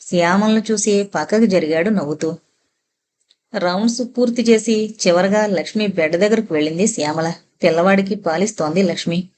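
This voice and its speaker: A woman narrator reading a novel aloud in a steady, expressive storytelling manner. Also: on the low side, normal speed, slight background noise.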